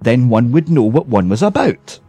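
A man's voice: medium pitch, very animated, normal speed, dark tone, slightly rough, no room sound, soft background music. A man reading a story aloud, voicing a weary, grumbling male ghost who is sociable but bitter. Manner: grumbling complaints, then friendly.

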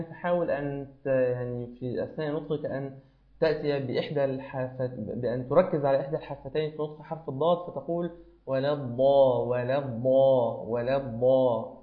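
A man's voice: mid-range voice, echoey room, narrow, tinny audio. A man teaching Quran recitation who corrects a student's pronunciation patiently and repeats each sound to show it.

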